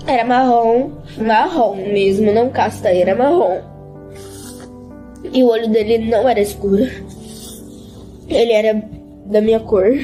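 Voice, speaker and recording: A woman giving an emotional religious testimony in an interview, speaking in a halting, repetitive way and often close to tears. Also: a little high, dark tone.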